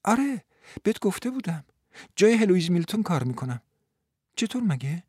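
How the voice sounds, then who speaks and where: A man voicing a young woman, a loving and eager fiancée, in a high, soft and affectionate manner for an audiobook. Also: big pitch swings, husky, dry recording, studio quality, exaggerated voice. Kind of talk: audiobook reading.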